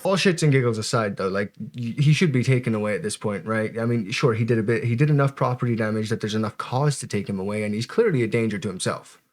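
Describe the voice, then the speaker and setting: A man's voice: lowish voice, quick pace, few pauses. A man giving casual, joking and sweary commentary as he reacts to footage.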